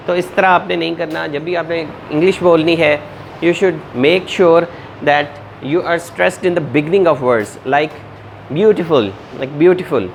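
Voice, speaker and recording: A man gives a spoken English lesson in a fairly high voice. He moves very slowly, modeling each word with care. A faint hum sits under his voice. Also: steady tone, vocal fry. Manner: slow, deliberate modeling of English words; mixes Urdu-Hindi with English. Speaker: English teacher.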